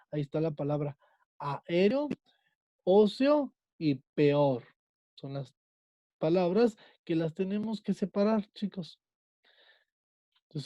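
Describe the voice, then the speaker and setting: Patient teacher with a very dark voice. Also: male voice, high-pitched, dry recording, lo-fi sound. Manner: patient, explains slowly with stretched words. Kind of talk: online class lesson.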